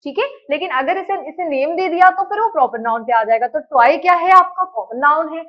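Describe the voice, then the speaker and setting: A woman's voice: high-pitched, animated, fairly quick, muffled recording. A woman teaching an exam-prep grammar lesson. She keeps asking the class questions and then answers them herself, checking in with "okay" again and again. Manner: repeats "ठीक है" to check understanding.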